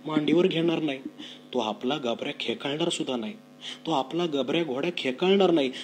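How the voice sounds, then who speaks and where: Guy reading a story aloud, repeats lines to explain, faint hum behind. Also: mid-range voice. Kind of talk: novel reading and retelling.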